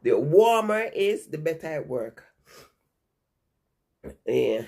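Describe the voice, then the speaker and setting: Slow and sing-song, this woman speaks in a low, warm voice with vocal fry. A vlogger with a cold and a stuffy nose, she chats casually to viewers, rambling and repeating herself.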